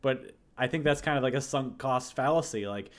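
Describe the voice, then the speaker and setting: A man co-hosting a podcast, making measured arguments and granting the other side's points before pushing back. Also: mid-range voice. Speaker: podcast co-host. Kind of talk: casual political debate.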